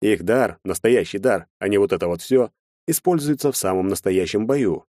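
A man's voice: fairly low pitch, moderate pace, mellow, dry recording, studio quality. A man narrating a first-person audiobook in a weary, sardonic tone.

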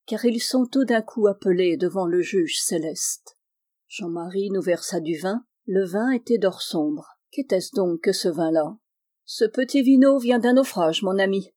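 A woman reading a novel aloud as a measured, expressive audiobook narration. Her tone is mellow and warm, at a middle pitch. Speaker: audiobook reader.

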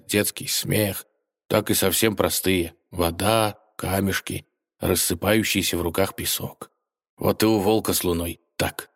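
A man narrating a fairy tale for children, gently addressing his listeners directly. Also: low voice.

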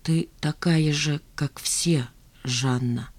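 A woman reading an audiobook voices a withdrawn young male neighbor who speaks flatly and without expression. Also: medium pitch, moderate pace, dry recording, pitched above the performer's own voice, natural voice. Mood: hushed, flat. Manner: expressionless, then quietly gloating. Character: young man, withdrawn neighbor, flat and menacing.

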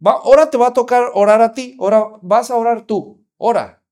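A patient, encouraging pastor, voiced by a man in a sermon story. He coaxes and reassures gently, in a voice close to the preacher's own, on the high side. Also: normal speed, close to an everyday voice. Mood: coaxing. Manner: gently coaxing.

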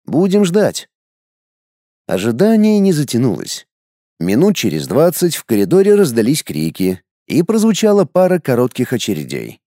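A man reading a first-person audiobook with a wry, deadpan delivery. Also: mid-range voice, normal speed, dry recording, studio quality. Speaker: audiobook narrator.

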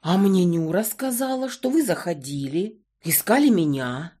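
A woman's voice: fairly low pitch, expressive, a little slow, warm tone, slightly rough. A woman voicing a plain, apologetic young man in an audiobook.

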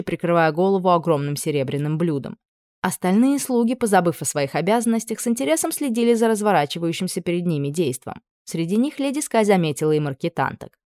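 A woman narrating a storybook with lively, expressive reading. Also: on the low side, no room sound, studio quality. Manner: lively, acts out dialogue. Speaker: audiobook narrator.

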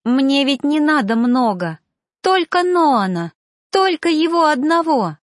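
Desperate young heroine, pleading and near tears, a touch higher , a woman reader doing her. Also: very animated, a little slow, dry recording, clean studio sound.

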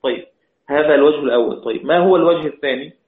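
A man's voice: on the high side, racing. A man teaching a religious lesson, asking questions aloud and repeating each point for emphasis. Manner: asks questions then answers them. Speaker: Quran recitation teacher. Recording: echoey tinny phone-like sound.

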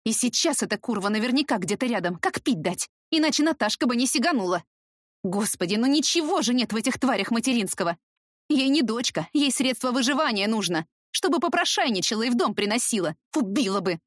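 Brief: outspoken audiobook nurse, middle-aged woman, read by a woman, raised pitch, lively. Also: brisk, no room sound, clean studio sound. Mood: indignant. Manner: outspoken, fretful. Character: blunt middle-aged female children's home nurse.

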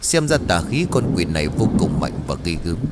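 A man voicing an old male exorcist master who speaks slowly in a low, solemn voice. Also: sing-song, heavy background noise. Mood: grave.

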